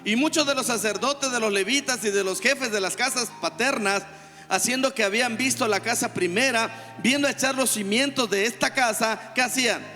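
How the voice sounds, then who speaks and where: High, bright-voiced Mexican preacher man. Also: moderate pace. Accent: Mexican Spanish. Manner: preaching with bursts of shouting and calls for the congregation to repeat after him. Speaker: pastor. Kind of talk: sermon. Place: church hall. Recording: reverberant church hall with music underneath.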